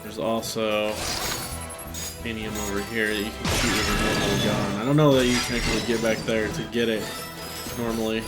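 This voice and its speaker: A man's voice: lowish voice, level tone, normal speed. A man giving casual, rambling commentary as he plays a video game. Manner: offhand, rambling. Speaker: gameplay commentator. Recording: game music behind the voice.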